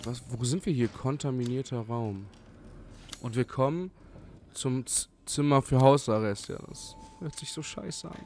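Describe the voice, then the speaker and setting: A man's voice: medium pitch, measured pace, vocal fry, darkish tone, a little hiss or hum. A young man commenting on a horror game as he plays, scared and jumpy, swearing and talking to the game. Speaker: let's play gamer.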